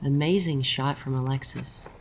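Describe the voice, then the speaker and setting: A woman's voice: rumbling low, moderate pace, a little hiss or hum, rough recording. A woman commentating on a disc golf tournament in a golf commentator's style, describing play over footage. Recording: music behind the voice. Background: background music.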